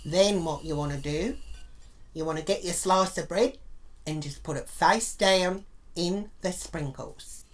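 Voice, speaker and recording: A woman's voice: on the low side, a little slow. A woman with an Australian accent telling a crude story and giving a cooking tutorial, swearing bluntly all the way through. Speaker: vlogger.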